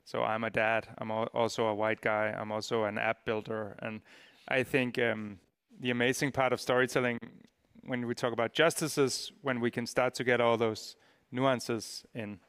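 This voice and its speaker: A man's voice: mid-range voice, level tone, normal speed, fairly bright tone, clean tone. A man on a discussion panel, talking with hesitant, repeated words while he thinks. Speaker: panelist, app builder.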